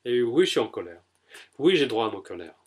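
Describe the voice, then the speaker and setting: A man's voice: mid-range voice, big pitch swings, fairly quick, husky. Man voicing repeated emphatic statements. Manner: short, repeated first-person statements; emphatic and exasperated. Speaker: EFT practitioner. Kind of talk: EFT tapping self-demonstration.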